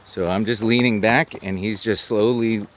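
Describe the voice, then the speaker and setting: A man's voice: on the low side, fairly even intonation, moderate pace. A man narrating an outdoor demonstration as an instructor, explaining it plainly, step by step. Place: outdoors on a wooded slope. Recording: faintly noisy outdoor recording.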